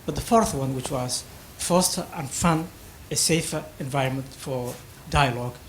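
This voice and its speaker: A man from Somalia asking a question from the audience at a panel, halting with many fillers. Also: medium pitch, a little hiss or hum, poor audio.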